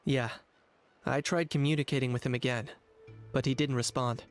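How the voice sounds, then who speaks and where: A man voicing an earnest, loyal young tribesman in an anime game, speaking calmly and sincerely. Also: mid-range voice, normal speed, soft background music, lightly acted. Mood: measured. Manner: calm, sincere.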